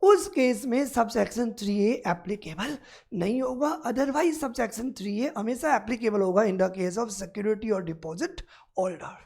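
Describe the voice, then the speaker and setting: A woman law tutor giving an exam-prep lecture, acting out scenarios and quizzing the class, then reading legal text out slowly. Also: mid-range voice, creaky, husky. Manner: animated, acts out scenarios in first person and asks the class questions.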